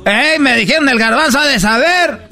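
A man voicing a loud, blunt, proud old rancher with a Mexican accent in a radio comedy sketch, talking brusquely and rambling through crude jokes. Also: extremely high pitch, normal speed, soft background music, exaggerated voice. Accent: Mexican Spanish.

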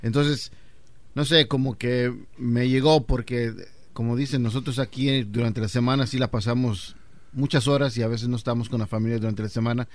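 A man's voice: medium pitch, fairly even intonation, normal speed, dry recording. A man, a sidekick on a radio show, chatting casually and personally in a hesitant way.

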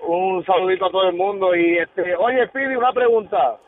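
A man's voice: high-pitched, moderate pace. Truck-driving man on a distant phone line. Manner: easygoing, rambling with fillers. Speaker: caller, truck driver. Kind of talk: casual call-in chat.

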